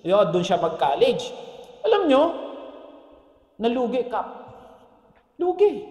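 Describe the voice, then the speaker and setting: Man, pastor, middle-aged, sermon, keeps asking the congregation for an amen, roomy church sound. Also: high-pitched. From Philippines. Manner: animated preaching, often asks the congregation "Amen?". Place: church worship hall. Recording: echoey church hall with long reverb.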